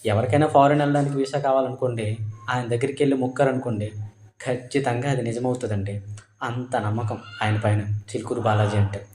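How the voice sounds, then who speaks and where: Young guy telling his own story, chatty and polite, mid pitch, echoey room sound. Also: steady tone, brisk, darkish tone, slight background noise. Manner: chatty, addresses listeners directly, polite "andi" fillers. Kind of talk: casual spoken storytelling to viewers.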